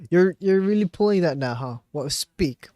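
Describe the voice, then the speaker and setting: A man with a slightly high, darkish voice vlogs his Spanish practice in a dry recording. He thinks aloud casually while studying, sounding unsure, poking fun at himself and laughing at his slips.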